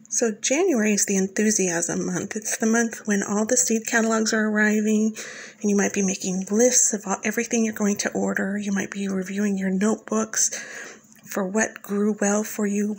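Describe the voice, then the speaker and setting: A woman narrating a scripted voice-over guide, speaking in a calm and instructive way and addressing the listener directly. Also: mid-range voice, slightly rough, low-quality recording. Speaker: flower farmer and channel host.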